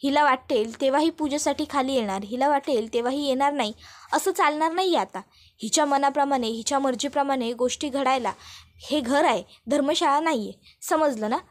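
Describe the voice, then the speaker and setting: A woman voicing a stern, quick-tempered older family patriarch who lectures. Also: sits high, natural voice.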